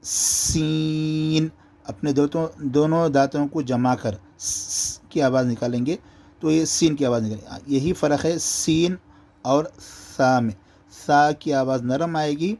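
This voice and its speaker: A man teaching Quran reading, explaining letter pronunciation and drawing out each letter slowly to demonstrate. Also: medium pitch, dark tone. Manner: slow, drawn-out letter demonstrations between explanations.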